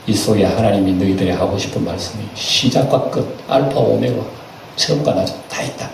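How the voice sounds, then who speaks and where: A man, preaching a sermon as senior pastor. He talks in a lively way, asks the congregation questions and acts out little asides. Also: fairly low pitch, a little fast, creaky. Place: church sanctuary. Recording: echoey church hall, picked up from a distance, faint room noise.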